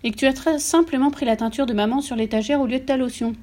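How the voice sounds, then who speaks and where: Woman voicing a calm, clever little girl. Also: high voice, fast talker, pitched above the performer's own voice, lightly acted. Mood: composed. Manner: calm, composed. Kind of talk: audiobook reading.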